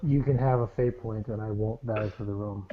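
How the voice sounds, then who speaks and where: A man's voice: fairly low pitch, fairly even intonation, normal speed, phone-quality sound, crowd noise. A man playing a tabletop game, wry and joking. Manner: wry, joking, swears casually. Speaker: player. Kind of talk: casual tabletop game play.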